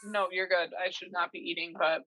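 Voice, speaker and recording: A woman's voice: on the low side, little pitch movement, a little fast, a bit bright, a little hiss or hum. A woman in her twenties co-hosting a podcast, chatting casually from her apartment over a video call, laughing often and swearing freely. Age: 20s. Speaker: podcast co-host. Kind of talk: casual chat. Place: her new apartment, indoors. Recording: dull dry video-call audio.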